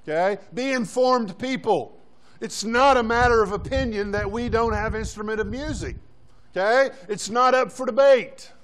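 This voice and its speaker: A man with a high, slightly bright voice preaches at a moderate pace in a church sanctuary. Out of breath, he keeps questioning his congregation and pushing them with short commands he repeats.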